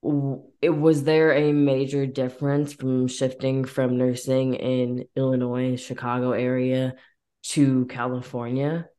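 Very deep-voiced, slow woman host. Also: flat delivery, dark tone. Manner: casual, chatty, with fillers. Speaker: podcast host. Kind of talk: casual podcast conversation.

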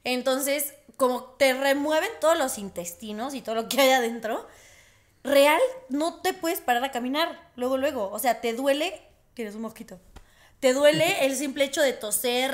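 A woman's voice: sits high, normal speed. A young woman with a Mexican accent, chatting casually as a podcast co-host and telling stories with lots of laughter and acted-out quotes. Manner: animated storyteller, laughs often, acts out quotes. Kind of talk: casual chat.

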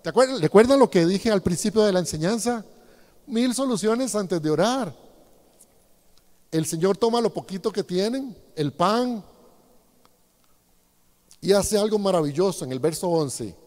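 Man, preacher, sermon, high voice, long echoing reverb, direct questions to the congregation. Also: animated, a little slow, long pauses, a little mellow.

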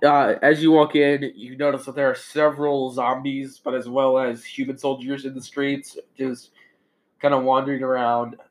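A man improvising casually as game master of a tabletop game, halting and jokey as he narrates. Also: mid-range voice, flat delivery, rough recording.

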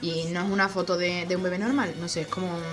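A woman from co-hosting a podcast in casual chat, talking in quick asides and laughing often. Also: on the low side, flat delivery, music in the background. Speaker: podcast co-host.

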